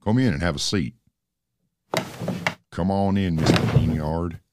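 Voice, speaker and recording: A man playing an anonymous network boss, his voice disguised and pitched very deep, calmly keeping order in a comedy sketch. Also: unhurried, heavy background noise. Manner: calm, steady, mediating. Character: anonymous male network boss, calm and in charge.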